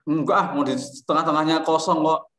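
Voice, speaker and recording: A man teaching a music lesson to a class, explaining things in a relaxed way and teasing his students with jokes. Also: fairly high pitch, brisk. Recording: echoey classroom.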